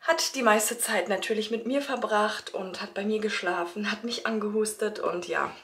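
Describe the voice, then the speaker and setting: Holding her phone at arm's length, a family vlogger and mother of three chats straight to camera from her child's bedroom and other rooms indoors, using plenty of filler words. Her voice is mid-range, a bit bright and slightly hoarse, at a normal pace.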